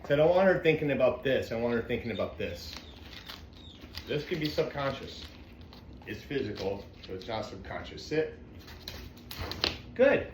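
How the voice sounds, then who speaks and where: A man working as a dog trainer, calmly explaining a training session to viewers between soft coaxing praise for the dog. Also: mid-range voice, normal speed, echoey room, noisy background. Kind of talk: narrating a training session to camera. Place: indoor room with a dog.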